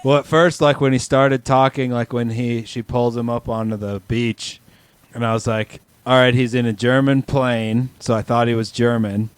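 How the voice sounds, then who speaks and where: Chill dude cohost, laughs a lot, clean dry mic. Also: male voice, mid-range voice, little pitch movement, moderate pace, clear, resonant tone, dry recording. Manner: laid-back, laughs often, says "dude". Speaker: podcast co-host. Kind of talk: casual chat. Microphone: studio microphone.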